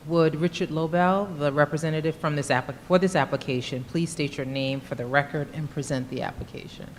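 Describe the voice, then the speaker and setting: A woman's voice: steady tone, a little fast. A woman chairing a public hearing, reading a formal procedural script in a courtroom-style recording. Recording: long reverb of a hearing room with faint rumble.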